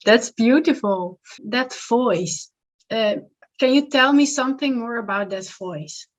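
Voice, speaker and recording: A woman's voice: on the high side, a little slow, dull audio. A woman interviewing a guest, attentive and affirming as she asks questions. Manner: attentive, frequent affirming murmurs.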